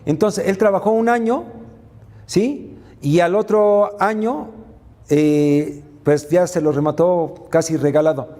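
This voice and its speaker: High-voiced man preaching faith. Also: slow pace, dark tone, big-room sound. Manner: retells Bible stories with many filler sounds. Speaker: faith mentor and speaker. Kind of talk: motivational faith talk.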